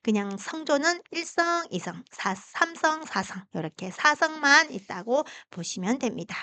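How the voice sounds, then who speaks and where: A woman teaching Chinese pronunciation, patiently demonstrating tones with long drawn-out vowels. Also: high-pitched, expressive, bright, forceful tone, no room sound. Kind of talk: pronunciation lesson.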